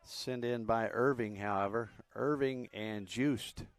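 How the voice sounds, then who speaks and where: A man doing live play-by-play commentary on a youth soccer match, relaxed and chatty with frequent fillers. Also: medium pitch, takes it slowly, clear, resonant tone.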